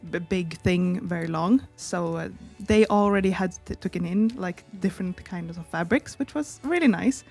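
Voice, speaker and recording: A woman's voice: on the low side, normal speed, gravelly, few pauses, darkish tone, soft background music. A woman from Sweden, a guest in a casual chat, telling stories with lots of "uh" and "like.". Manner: storytelling, many fillers.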